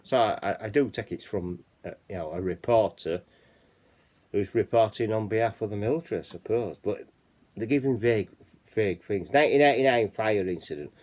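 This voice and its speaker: A man with a Yorkshire accent hosts a casual chat channel, his voice fairly low, darkish in tone and a little fast. He reads out reports and rambles, often saying "you know what I mean".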